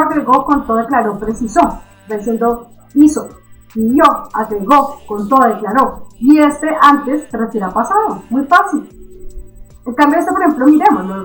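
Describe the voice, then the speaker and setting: A woman teaching an online reading lesson, constantly checking understanding with quick questions. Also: a little high, fairly bright tone, echoey room, rough recording.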